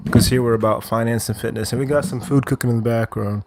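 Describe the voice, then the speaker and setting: A man's voice: medium pitch, steady tone, quick pace, darkish tone. A man from the American Midwest hosting a casual livestream from a kitchen, reading viewer comments aloud and answering them in a laid-back way. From Wheaton, Illinois, USA. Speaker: livestream host. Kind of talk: casual livestream chat while cooking. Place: kitchen, indoors.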